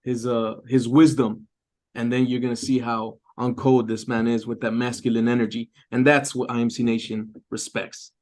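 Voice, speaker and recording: A man's voice: mid-range voice, level tone, moderate pace, darkish tone. A man hosting a casual interview, hyped and emphatic, switching between English and Spanish. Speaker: host.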